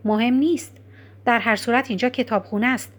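A woman voicing a calm, firm older librarian in an audiobook, speaking quietly and in a measured, gently stern way. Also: a little high, lightly acted. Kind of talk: audiobook character reading.

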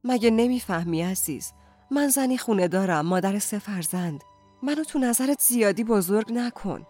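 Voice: medium pitch, animated, a little mellow, pitched above the performer's own voice, natural voice. A narrator voicing an anxious middle-aged housewife and mother of three, who questions and pleads with emotion, over faint music. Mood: protesting. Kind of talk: audiobook character reading.

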